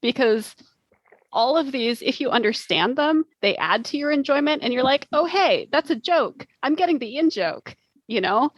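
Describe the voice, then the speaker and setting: A woman's voice: high-pitched, lively intonation, normal speed, no echo, muffled recording. A woman co-hosting a book podcast, chatting casually in a wry, informal way. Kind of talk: casual chat.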